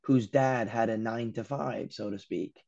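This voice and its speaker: A young American man from Los Angeles joins a video-call podcast from a room at home by a window for a casual interview chat. He's an animated storyteller who acts out quotes and swears casually. His medium-pitched voice is gravelly and mellow, at a moderate pace, with dull audio.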